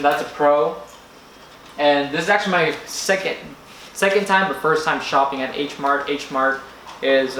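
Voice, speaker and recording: A man narrating a casual food vlog in a rambling, halting way, often searching for words. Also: medium pitch, fairly bright tone. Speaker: food vlogger. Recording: echoey room with faint background noise.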